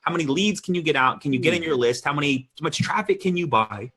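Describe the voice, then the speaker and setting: Husky, fairly high-voiced man. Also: lively intonation, fast talker, fairly bright tone. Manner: emphatic, repeats words. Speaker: co-host. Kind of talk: casual livestream chat.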